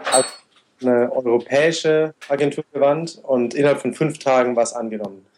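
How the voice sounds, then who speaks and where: A young man in his twenties, a motorcycle traveler, is an interview guest who answers questions at length and in great detail. He talks steadily at a normal speed, with a mid-range voice and a darkish tone.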